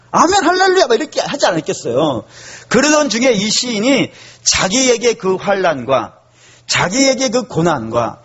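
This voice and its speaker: A male pastor preaching a sermon, animated and asking the congregation questions. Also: sits high, breathy edge, dull audio. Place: church.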